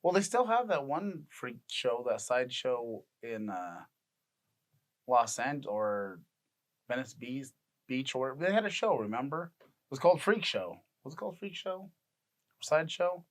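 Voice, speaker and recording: Thirties male podcast co-host, loose rambling delivery, quick to laugh. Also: mid-range voice, sing-song. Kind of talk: casual chat.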